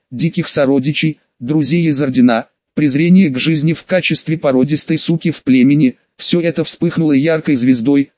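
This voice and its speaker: A man narrating an audiobook in a steady, measured reading. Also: fairly high pitch, no room sound. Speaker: audiobook reader. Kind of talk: scripted narration. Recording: dull, dry lo-fi recording.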